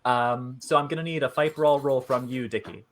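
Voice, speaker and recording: A man's voice: mid-range voice, brisk, fairly bright tone. A man running a tabletop horror game as game master, chatty, with lots of fillers and frequent laughter.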